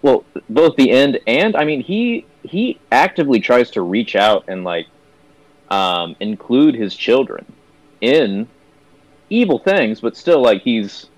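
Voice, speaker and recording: A man's voice: medium pitch, sing-song, takes it slowly, dry recording, rough recording. A young man co-hosting a movie review chat, rambling with many fillers and restarts. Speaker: movie review podcast co-host. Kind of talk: casual chat.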